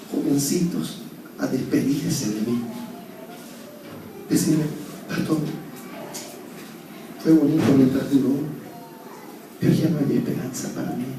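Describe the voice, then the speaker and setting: A male pastor preaching a sermon, swinging between loud urgent calls and soft tender passages. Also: fairly high pitch, slight background noise. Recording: very echoey church hall, heard from a distance.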